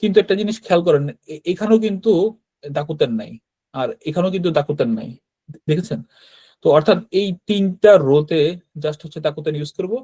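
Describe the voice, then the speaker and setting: Teacher, male, Bangladeshi Bengali accent, patient explainer, slightly high voice, dry close recording. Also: a little fast, pauses often, mellow, dry recording. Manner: explains patiently, often checks in with "right?". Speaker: Japanese language teacher. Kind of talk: online class with screen sharing.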